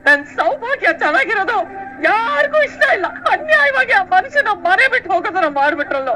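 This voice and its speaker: A woman's voice: extremely high pitch, sing-song, brisk, low-quality recording. A woman playing a distraught mother whose husband has left home, wailing and pleading. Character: distraught middle-aged mother, wife of missing man. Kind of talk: TV serial acting.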